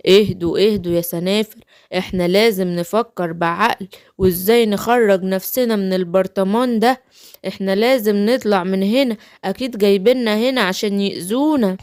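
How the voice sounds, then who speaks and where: A woman with an Egyptian accent voicing a wise, calm old leader of tiny blue creatures. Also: mid-range voice, fairly quick, natural voice. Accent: Egyptian Arabic. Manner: calming, reassuring.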